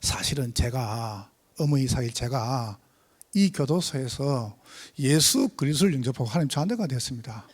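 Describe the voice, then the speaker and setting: A remorseful male prisoner, newly converted, as a preacher puts him on, confesses in a low, slow, hushed voice. His delivery is subdued, set well below the preacher's usual lively pitch. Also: husky.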